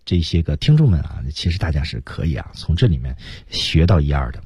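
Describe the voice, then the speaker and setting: A man's voice: a bass voice, very animated, a little fast, a little mellow, slightly rough, dry recording. A man hosting a radio English lesson, chatting casually and dotting his talk with filler particles, in a studio. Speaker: radio English teaching host.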